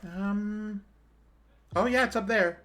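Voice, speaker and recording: A streamer with a Canadian accent and a mid-range, slightly bright voice chats slowly and casually with her viewers while gaming. She rambles, using fillers and little laughs.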